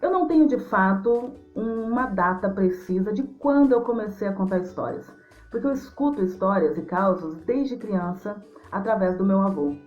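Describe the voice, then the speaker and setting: A woman's voice: medium pitch, expressive, normal speed, a little mellow. Brazilian female storyteller, effusive interview guest for kids; slightly dull audio, faint music bed. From Mato Grosso do Sul, Brazil. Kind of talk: interview answers for a young audience.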